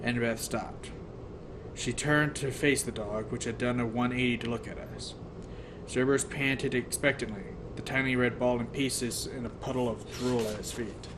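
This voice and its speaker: This audiobook features a man with a mid-range voice reading a first-person novel at a moderate pace, his intonation fairly even. Stumbles and reread phrases crop up at times, and background noise is noticeable.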